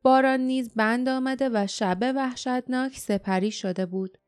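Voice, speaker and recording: A woman narrating an audiobook in a steady, even storytelling voice. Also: sits high, smooth, soft background music.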